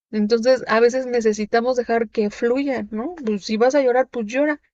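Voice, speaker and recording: A woman's voice: fairly high pitch, a little mellow, no room sound. A woman giving a conversational church parenting talk with personal testimony, often adding tag questions and fillers. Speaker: parenting workshop speaker. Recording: slightly muffled recording.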